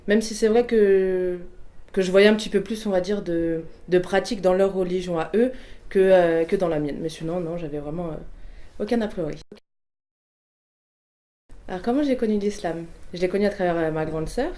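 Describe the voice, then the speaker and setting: In a warm voice on the low side, a woman in her 20s from a Portuguese family shares a personal testimony in answer to prompts. She's hesitant throughout, with lots of fillers and restarts.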